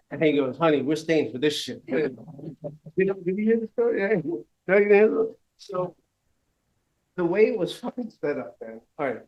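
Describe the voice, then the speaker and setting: A man telling a crude story on stage, profane and animated, laughing as he goes. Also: on the high side, highs cut off. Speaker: live storyteller. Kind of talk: live storytelling.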